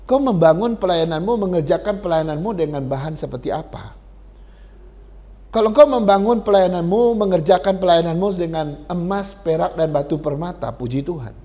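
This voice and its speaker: A man's voice: high voice, lively intonation, moderate pace, warm tone. A male pastor giving a sermon in a conversational style, often turning to address the congregation directly.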